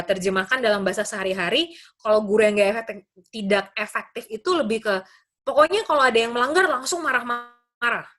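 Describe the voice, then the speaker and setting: A woman's voice: a little high, bright, forceful tone. A woman university lecturer giving a webinar talk to teachers, explaining step by step, speaking over a video call. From Indonesia. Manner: explanatory, addresses audience as Bapak Ibu, acts out students' questions.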